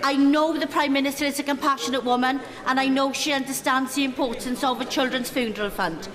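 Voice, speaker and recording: A woman's voice: high-pitched, fairly even intonation, a little fast. A woman making a formal, earnest parliament speech. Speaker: member of parliament. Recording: echoey chamber with crowd murmur.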